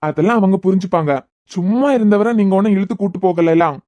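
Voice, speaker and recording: A woman voicing a gentle, reassuring male doctor in a cartoon series, with a Kanyakumari Tamil accent. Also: medium pitch, fast, no echo, close to an everyday voice.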